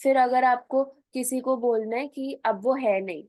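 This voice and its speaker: Woman teacher, higher voice, dry recording. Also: a little mellow, dry recording. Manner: slow, deliberate English model phrases; colloquial Hindi explanations. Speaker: English teacher. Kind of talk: spoken English lesson.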